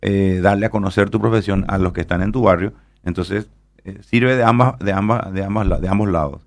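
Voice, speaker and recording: A man talks through an explanation at length as an interview guest. His voice sits low and has a gravelly, creaky texture. He keeps checking in with his listener as he rambles on. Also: brisk. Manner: explanatory, rambling with fillers and tag questions. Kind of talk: explaining an app in a radio interview.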